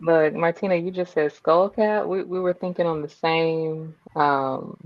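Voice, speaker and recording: A woman with a low, gravelly voice chats casually and loosely, her speech full of filler likes. Her voice comes through on muffled, lo-fi call audio. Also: steady tone, unhurried. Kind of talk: casual group chat.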